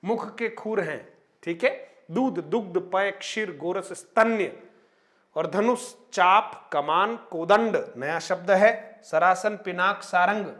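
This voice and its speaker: Speaking slowly in a high, fairly bright voice, a man teaches Hindi grammar aimed at exam preparation. He fires off synonym lists and halts to flag fresh vocabulary and spellings, calling viewers his friends and frequently using tag questions.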